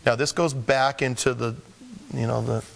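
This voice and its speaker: A man preaching a sermon, telling a personal story with lively, animated delivery and playing the voices of the people in it. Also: mid-range voice, moderate pace, gravelly.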